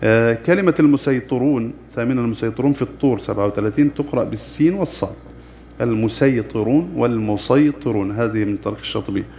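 A man teaching the rules of Quran recitation, explaining plainly with pauses of "aah" and slowing down to chant the verses he quotes. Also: mid-range voice, vocal fry, a little mellow, a little hiss or hum. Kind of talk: tajweed lesson with recited examples.

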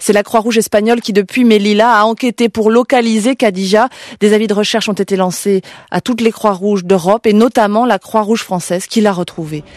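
A woman radio reporter narrating a scripted news story in a measured, narrative way. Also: mid-range voice, fairly even intonation, darkish tone, no echo, clean studio sound.

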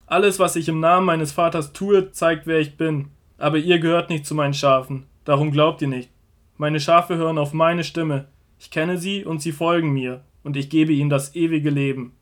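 An actor plays a calm male teacher and shepherd figure in a scripted Bible audio drama, his voice a little higher than average for a man. He makes measured, earnest declarations with quiet authority, sounding firm and assured. The delivery stays close to an everyday voice.

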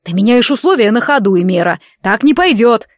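A vain middle-aged warlock who grumbles through every apology and bristles with pride, read by a woman in her own voice. Her tone stays a little high, and the sound is dry and close-miked. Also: sing-song, a little fast, no echo. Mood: grumbling. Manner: grumbling and proud.

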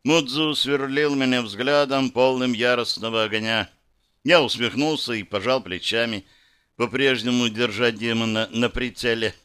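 A man's voice: mid-range voice, steady tone, normal speed, a bit bright, clean tone. A man narrating a first-person fantasy audiobook with dramatic, vivid storytelling.

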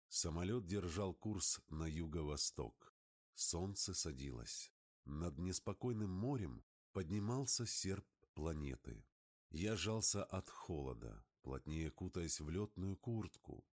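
A man giving an expressive first-person narration of an adventure story as an audiobook. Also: a bass voice, measured pace.

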